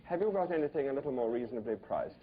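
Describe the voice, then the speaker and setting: A man's voice: mid-range voice, expressive, very fast, narrow, tinny audio, a little hiss or hum, close to an everyday voice. A man doing a prim genteel customer.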